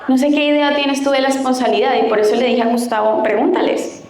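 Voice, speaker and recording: A young adult woman giving a lively, playful faith conference talk, often acting out other people's voices. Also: high-pitched, quick pace. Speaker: conference speaker. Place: large conference hall. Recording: echoey hall with faint room ambience.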